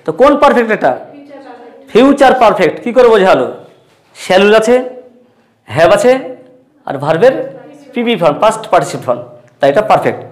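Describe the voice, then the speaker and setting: A man's voice: sits high, sing-song, fairly quick, long pauses. A man with a Bengali accent teaching English grammar, asking questions and answering them himself while repeating key words. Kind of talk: classroom-style lesson.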